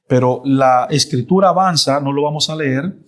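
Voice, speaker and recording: A man's voice: medium pitch, moderate pace, a bit bright. A man teaching a Bible lesson in a sermon style. He is emphatic and repeats himself, often checking in with his listeners.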